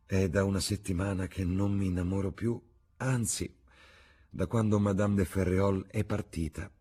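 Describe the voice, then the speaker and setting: A weary young gentleman, read by a man, speaking softly in a low, husky murmur. His lines are gentle and quiet beside the louder guests. It sounds like a novel read aloud. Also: steady tone, normal speed. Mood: wistful. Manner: soft, murmuring.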